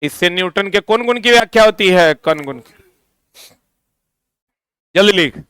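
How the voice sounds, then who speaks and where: A man's voice: sits high, animated, a little slow, sharp tone, clean tone, no echo, clean studio sound. A man with a Bihari accent teaching a class, drilling students with repeated questions and scolding them. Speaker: coaching teacher. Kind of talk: classroom lecture.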